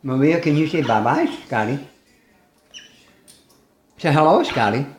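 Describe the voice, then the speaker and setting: A man's voice: fairly high pitch, expressive, a little slow, a little hiss or hum. A man coaxing his pet parrots to talk at home, in a doting, teasing, sing-song way. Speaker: parrot owner. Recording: echoey room recording.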